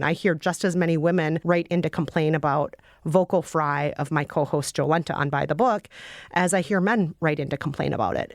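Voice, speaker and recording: Emphatic low-voiced woman guest. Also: dry recording, studio quality. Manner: animated, emphatic. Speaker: podcast guest. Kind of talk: interview answers.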